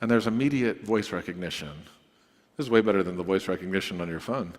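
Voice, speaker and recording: A man preaching a sermon as pastor in a relaxed, conversational way, drifting into playful asides. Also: low voice, fast. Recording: long hall reverb.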